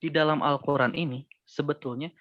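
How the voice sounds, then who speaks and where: A man with a fairly high voice gives a casual, earnest webinar talk and teaches. The sound is close and dry, with a dull, muffled tone. Now and then he acts out the worries of older learners. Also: fairly even intonation, fairly quick, dry recording. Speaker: Quran memorization teacher.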